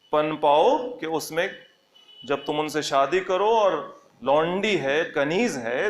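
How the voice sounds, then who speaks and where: A man's voice: high voice, a bit bright, reverberant. A man teaching a lesson on the Quran, reciting Arabic verses and then explaining them phrase by phrase with emphatic repetition. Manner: emphatic, repeats key phrases for stress. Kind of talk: religious lesson explaining scripture.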